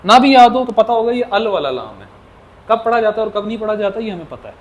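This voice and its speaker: High-voiced man teaching a class. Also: lively intonation, fast talker. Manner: drills by repeating questions to students; addresses the class as children. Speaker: Arabic teacher. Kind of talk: classroom lecture.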